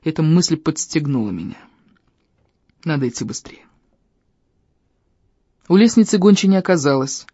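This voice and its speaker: An audiobook reader narrating a first-person adventure novel in a steady, low-key way. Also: normal speed, long pauses, breathy edge, dry recording. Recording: dull, dry lo-fi audio.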